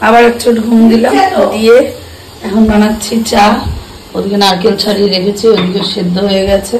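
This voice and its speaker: A woman's voice: medium pitch, level tone, fairly quick, reverberant, a crowd in the background, rough recording. A woman chatting casually while cooking for a family vlog. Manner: bossy, scolding a child at mealtime. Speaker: family vlogger.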